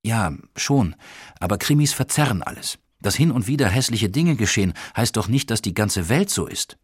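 A man voicing a trusting, gentle female schoolteacher in an audiobook, speaking earnestly and with soft insistence. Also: on the low side, animated, normal speed, slightly rough, no echo, clean studio sound. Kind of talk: audiobook character voice.

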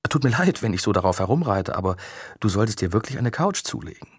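A curious young woman who teases and questions in quick little bursts, read by a man. The voice stays low and slightly husky, recorded close and dry like an audiobook. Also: sing-song, no room sound. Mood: teasing.

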